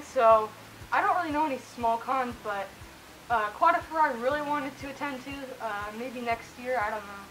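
A woman's voice: sits high, a little hiss or hum, rough recording. A woman talking inside a costume head, chatting casually and rambling as she answers viewer questions. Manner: relaxed, rambling, with fillers and laughs. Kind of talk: casual Q&A chat.

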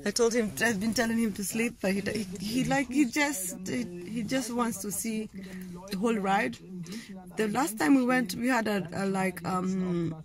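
Holding her phone camera, a young woman talks through a relaxed travel vlog from a car and later a hotel room. She's talkative but stop-start, full of fillers and restarts, and her voice is on the high side against a background crowd.

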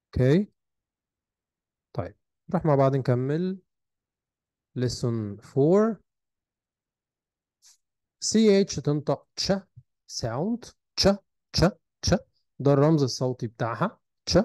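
A man with an Egyptian Arabic accent walks through a recorded textbook lesson, stretching out words and sounds so learners can follow. His voice is mellow and unhurried, and it is recorded dry and close with no room echo. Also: mid-range voice, big pitch swings. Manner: slow, drawn-out teaching, spelling out sounds and words carefully. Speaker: English teacher.

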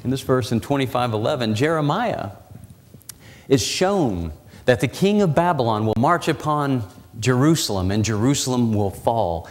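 Man preaching, dramatic pauses, mid pitch, church reverb. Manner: dramatic, slowing and dropping low for emphasis; walks the platform, gesturing as he preaches. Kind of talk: sermon. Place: church sanctuary. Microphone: lapel mic and pulpit mic.

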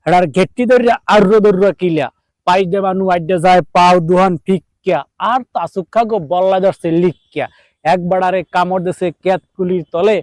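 A man recites rhyming verse in a strong Barishal dialect with a steady rhythmic cadence. His voice is high, and the recording is dry and close with no room sound. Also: no room sound. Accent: Barishal dialect of Bengali. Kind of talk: poetry recitation.

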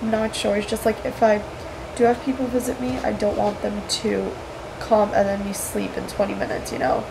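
A young woman talking casually in a home vlog, tired and sore after nose surgery, rambling in a low-key way. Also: level tone, normal speed, creaky, background noise. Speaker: vlogger recovering from nose surgery. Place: at home indoors.

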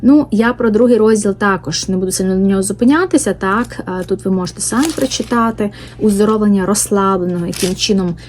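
Woman, Bible teacher, informal study talk, hesitant, many fillers, slow scripture reading. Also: medium pitch, a little mellow. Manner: reads scripture verses aloud slowly.

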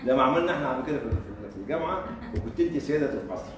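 Very fast and expressive at medium pitch, an Egyptian guest lecturer with an Egyptian Arabic accent keeps his university talk informal, asking rhetorical questions, repeating himself and chuckling. Faint noise, room echo and a far-off mic mark the recording.

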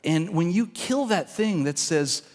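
A man's voice: on the high side, expressive, a little slow, darkish tone. Man preaching in a reverberant hall. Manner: earnest, conversational preaching with restarts and acted quotes. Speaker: pastor. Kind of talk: sermon. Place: church sanctuary. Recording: long church hall reverb.

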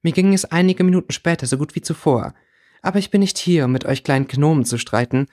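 A man's voice: on the high side, animated, fast talker, darkish tone, no echo, studio quality, close to an everyday voice. A man reading an audiobook, voicing a smug, cruel middle-aged stepmother with a sneering, honeyed manner. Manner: sneering, self-assured, honeyed.

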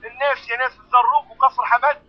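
A distressed man with a Libyan accent pleads as an eyewitness, swearing oaths again and again. His voice sits very high and races along. It comes through a muffled, lo-fi phone line. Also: little pitch movement, quick pace. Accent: Libyan Arabic. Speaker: eyewitness caller. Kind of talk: urgent phone report.

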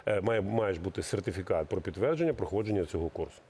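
A middle-aged man, a military recruiting official, answering interview questions in a measured, explanatory way with frequent hesitations. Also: deep voice, lively intonation, mellow, husky.

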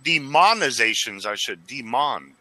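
Speaking fervently about faith on a casual religious video chat, an Arizona man in his forties rambles and trips over his words. He's a caller using a headset in a small, dim room indoors in the United States. His medium-pitched voice has a sing-song, sharp quality and a measured pace.

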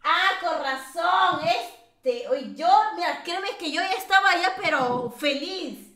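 A Peruvian woman streaming a game chats casually and teases, with lots of fillers and laughter, in Peruvian Spanish. Her very high-pitched voice is bright and forceful, she takes it slowly, and the room is echoey.

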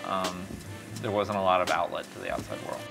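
Sitting by a street window in a small café, a startup founder and CEO gives a casual interview, rambling with plenty of fillers and restarts. He's middle-aged, born in Mexico and raised in East Texas. His gravelly voice sits low with fairly even intonation, a little fast, over music.

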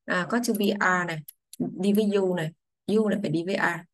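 A woman English teacher, patiently explaining grammar to children, saying English phrases slowly before translating them. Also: fairly low pitch, steady tone, dry recording.

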